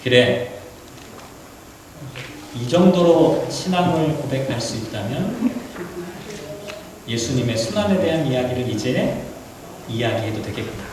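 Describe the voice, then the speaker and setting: A man voicing a calm male teacher musing slowly to himself, in an echoey hall. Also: mid-range voice, distant mic, noisy background, voice pushed down, natural voice. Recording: echoey hall, mic from afar.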